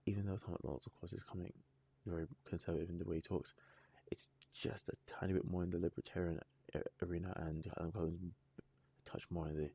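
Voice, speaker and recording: Guy with a deep gravelly voice rambling through a reaction video, husky, lots of stops and restarts. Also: little pitch movement, warm tone. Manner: rambling, halting, thinking aloud with many restarts. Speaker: music reaction channel host. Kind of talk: casual reaction commentary.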